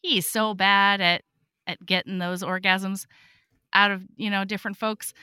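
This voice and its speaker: A woman's voice: medium pitch, unhurried, clean tone, dry recording, studio quality. A woman guest on a podcast, chatting casually and animatedly, swearing freely as she retells stories. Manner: animated, swears freely, acts out book characters. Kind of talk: casual chat.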